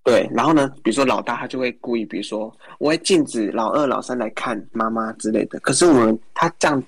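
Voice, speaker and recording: A man with a Taiwanese accent chatting casually as a care worker, telling colloquial anecdotes in an animated way. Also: medium pitch, quick pace, creaky, slightly rough, dry recording. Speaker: care facility worker telling work stories.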